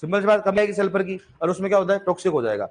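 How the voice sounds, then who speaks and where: A man's voice: sits high, animated, racing. A male agriculture teacher lecturing a classroom in with a tinge, quizzing students and repeating key answers, joking now and then.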